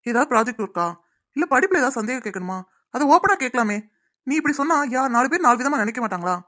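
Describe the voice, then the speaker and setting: An earnest young man in a cartoon serial, a little high for a guy. He pleads and explains himself, sounding defensive and baffled. His voice sits on the higher side. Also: expressive, fast talker, fairly bright tone. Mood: reasoning.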